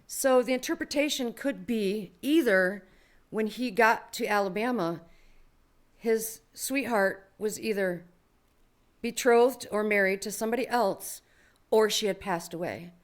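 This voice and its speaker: Slow-talking woman chatting from a stage. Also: mid-range voice. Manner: chatty, explanatory, with many "you know" fillers. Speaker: singer and musician hosting a live show. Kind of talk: casual stage talk to a live audience. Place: barn music venue before a live audience.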